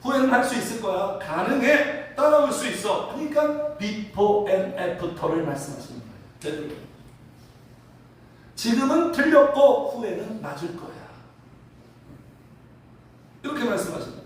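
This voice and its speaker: A male pastor preaching a sermon in a church, animated and asking the congregation rhetorical questions. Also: high voice, a little slow, long pauses. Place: church sanctuary. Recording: very echoey hall from a distance.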